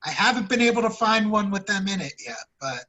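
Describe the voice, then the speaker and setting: Bright-sounding guy on a podcast, halting, lots of uhs. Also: sits high, sing-song, low-quality recording. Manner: halting, filler-heavy explaining. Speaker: podcast co-host. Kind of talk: casual chat.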